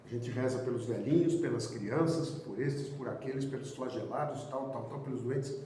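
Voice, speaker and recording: A man's voice: medium pitch, normal speed, mellow, slight background noise. Brazilian man lecturing in an echoey hall. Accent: Brazilian Portuguese. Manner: rhetorical questions, emphatic repetition. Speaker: spiritist lecturer. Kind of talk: doctrinal lecture. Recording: echoey hall, speaker far from mic.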